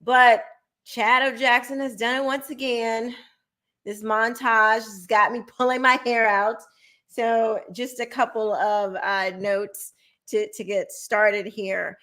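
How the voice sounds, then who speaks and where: A woman's voice: fairly high pitch, fairly even intonation, takes it slowly, pushed and bright. A woman co-hosting a livestream talk show, upbeat and chatty, with small hesitations. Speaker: co-host. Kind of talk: casual livestream chat.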